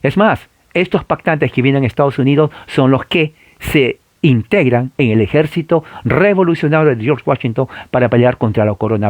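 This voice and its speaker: A man's voice: mid-range voice, a little mellow, dry recording. A man lecturing on church history, who stresses and repeats key points, often tags on "eh" and "¿no?", and has his listeners repeat after him. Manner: frequent filler "eh" and tag questions.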